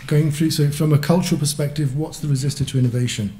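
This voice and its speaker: A man's voice: fairly high pitch, steady tone, fast, warm tone, reverberant, a little hiss or hum. A man moderating a panel discussion from a lectern, conversational with frequent fillers. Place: conference auditorium, standing at a lectern. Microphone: lectern microphone.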